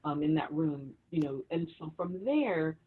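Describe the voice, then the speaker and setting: A woman's voice: low voice, lively intonation, unhurried, slightly rough. A woman co-hosting a livestream, telling her family research story with many restarts over a video call. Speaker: co-host and author. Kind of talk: casual livestream conversation. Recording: tinny phone-like video call audio.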